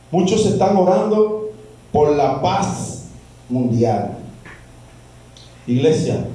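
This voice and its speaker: High-voiced pastor preaching in a big echoey room. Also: male voice, warm tone, recorded from a distance. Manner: preaching, rising and falling with emphatic repeats. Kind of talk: sermon. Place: church.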